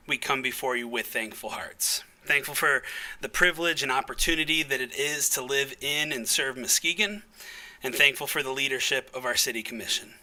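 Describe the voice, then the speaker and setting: A man speaking as a pastor, leading a formal public prayer in measured, deliberate phrases with pauses. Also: mid-range voice, pushed and bright. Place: public meeting room.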